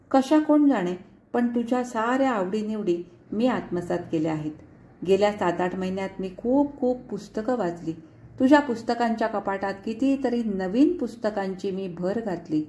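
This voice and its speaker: A woman's voice: mid-range voice, dark tone. A woman storyteller reading a story aloud in a tender, pleading, letter-like manner. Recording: echoey room.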